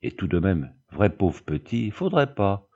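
A man's voice: low-pitched, very animated, a little slow, warm tone, slightly rough, highs cut off, heavily acted. A man voicing a peasant nurse, a middle-aged woman who exclaims in rustic country speech. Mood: fretful.

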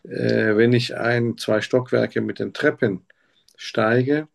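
A man acts as a simulated patient during a practice doctor interview, speaking hesitantly as he hunts for his words. His voice is medium-pitched and gravelly, and his pace is slow.

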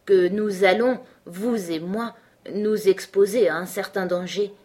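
A woman reading a composed middle-aged male lawyer in an audiobook, measured and reasoning. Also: medium pitch, steady tone, a little mellow, natural voice.

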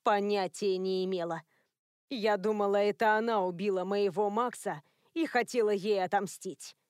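A woman voicing a prim, controlling elderly woman who is a werewolf grandmother, lecturing in a cold, even tone. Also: mid-range voice, normal speed, clear, resonant tone, dry recording, clean studio sound, lightly acted. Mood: stern.

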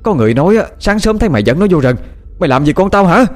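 A man voicing a furious middle-aged village mother who scolds and shouts in a shrill voice. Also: sing-song, very fast.

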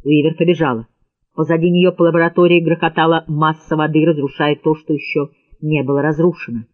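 A man's voice: fairly high pitch, flat delivery, a little fast, phone-quality sound. A man narrating an audiobook in a tense, dramatic reading style. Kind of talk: scripted narration.

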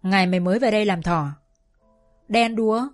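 A woman's voice: mid-range voice, fairly quick, soft background music, close to an everyday voice. Brash bossy girlfriend type, a woman narrator puts her on, scolds bluntly. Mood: scolding.

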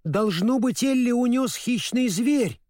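A kindly straw scarecrow frets in a high, drawn-out voice, put on by a man reading aloud. He sounds worried and easily startled, well above the reader's own pitch. The sound is close and dry. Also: lively intonation, a little mellow, no room sound. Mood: alarmed. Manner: fretful, alarmed.

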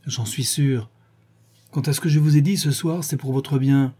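A man's voice: mid-range voice, normal speed, warm tone, slightly rough, pitched above the performer's own voice, close to an everyday voice. A man voicing a grave, pleading painter friend. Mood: shocked. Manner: grave, reproachful, urging. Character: earnest male painter, middle-aged, pleading friend.

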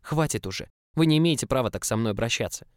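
A man's voice: medium pitch, fast, darkish tone, no room sound, studio quality, close to an everyday voice. A man voicing a flustered, indignant young man. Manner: protesting, agitated. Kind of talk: audiobook character voice.

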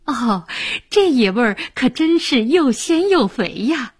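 A woman storyteller voicing a cheerful young married noblewoman who speaks in a bright, coaxing way. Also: high voice, big pitch swings, unhurried, husky, voice pushed up, exaggerated voice.

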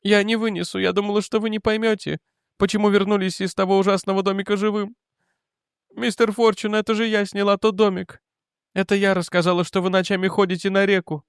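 A man's voice: high-pitched, little pitch movement, brisk, clean tone, no echo, clean studio sound, voice pushed up. A man voicing Jennet, a frantic young woman. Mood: distraught. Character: frightened young woman, desperate.

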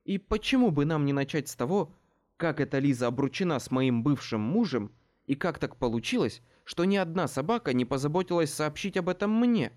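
A man reading an audiobook, voicing a tough, blunt woman who snaps at her family with sharp indignation. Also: a little high, expressive, fairly quick, close to an everyday voice. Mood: indignant.

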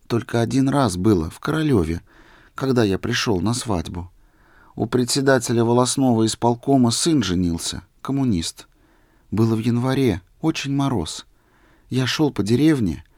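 A man voicing a meek, shy holy fool who tells his story quietly and simply. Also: mid-range voice, lively intonation, normal speed, no room sound, studio quality, natural voice. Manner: quiet, simple, humble telling.

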